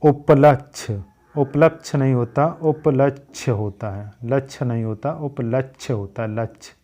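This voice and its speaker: A man's voice: mid-range voice, moderate pace, dark tone. A man teaching a spelling lesson, drilling each word by repeating its wrong and right forms.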